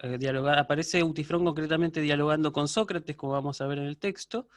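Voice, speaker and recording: Speaking a bit quickly in a voice on the high side, this Argentine university lecturer gives an online class with patient explanations and frequent checks that students follow along. He answers their questions in real time, and the studio-quality recording is dry.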